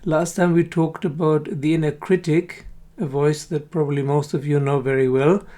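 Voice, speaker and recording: Calm, measured man teaching. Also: a little high. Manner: calm, measured, with pauses and occasional blunt swearing. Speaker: spiritual teacher. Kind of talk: reflective spoken lesson to camera.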